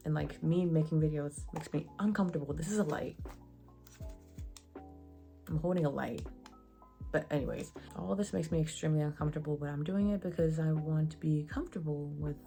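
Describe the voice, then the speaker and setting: A young woman giving casual advice in a vlog, slangy and sassy, with a flat, even delivery. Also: low-pitched, a little fast, gravelly, faint music behind. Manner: says she sounds monotone. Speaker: vlogger.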